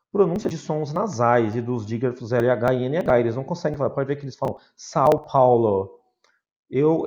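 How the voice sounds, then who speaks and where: Male teacher from Brazil, lively and talkative with the class, mid-pitched voice, slightly dull lo-fi recording. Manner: lively, chatty, addresses students as "galera".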